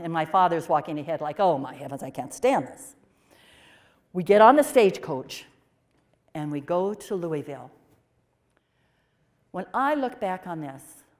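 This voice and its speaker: A woman portraying a pioneering 1830s nun, telling her story in the first person with expressive swings from emphatic to hushed. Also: sits low. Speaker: performer of a historical portrayal.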